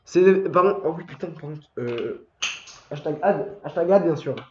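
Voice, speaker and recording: Expressive and unhurried, a stuffy-nosed teen boy with a cold speaks in a higher voice during casual gaming stream chat, rambling, swearing and breaking into angry shouts at the game. The dull lo-fi recording has roomy echo, faint music and slight background noise.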